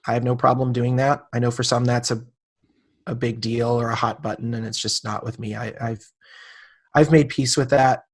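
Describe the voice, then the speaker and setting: A man's voice: mid-range voice, flat delivery, moderate pace. A man in his late thirties, a podcast guest, telling a personal story in casual conversation and acting out the people he quotes. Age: 30s.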